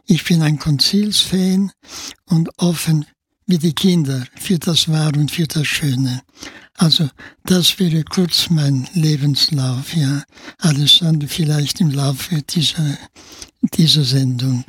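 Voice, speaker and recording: A husky, slightly raised voice from an elderly man in his nineties, a priest with a Spanish accent speaking German in a radio interview. He talks haltingly, restarting phrases and dropping in "ja". The studio sound is close and dry. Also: a little high, a bit bright, dry recording. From Spain. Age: 90s. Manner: halting, with frequent filler "ja" and restarts. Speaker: priest guest.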